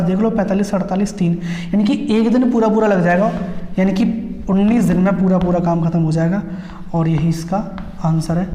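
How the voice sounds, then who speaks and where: A man's voice: high voice, dark tone. A man teaching an exam-prep maths lesson, explaining step by step and repeating key points while checking in with his students. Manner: repetitive step-by-step explaining, frequent check-ins. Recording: echoey room with long reverb.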